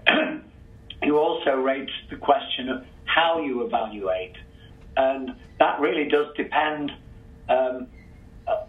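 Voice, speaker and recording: A hoarse man on a panel adding his points in a deliberate, orderly way. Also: medium pitch, lively intonation. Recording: echoey, tinny phone-like sound.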